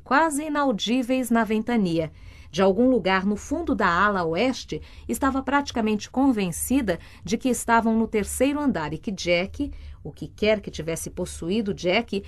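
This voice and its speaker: A woman from Brazil reading a novel aloud as an audiobook narrator, steady and measured. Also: medium pitch. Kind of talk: scripted narration.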